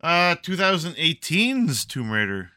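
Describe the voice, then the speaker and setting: A man hosting a podcast, talking in casual, profane, animated chat. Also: on the high side, measured pace, dry recording, studio quality. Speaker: podcast host.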